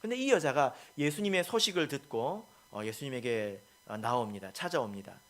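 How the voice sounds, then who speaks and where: A male pastor preaching a sermon, stressing points and asking the congregation questions, with many soft filler words between lines. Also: medium pitch, animated, normal speed.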